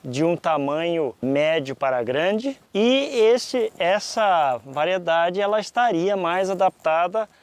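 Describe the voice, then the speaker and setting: A man with a southern Brazilian accent and a slightly high-pitched voice talks as a teacher would. He explains things to viewers deliberately, often pausing mid-sentence to find the next phrase. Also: lively intonation, smooth, no room sound. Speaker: presenter of a fruit-growing lesson.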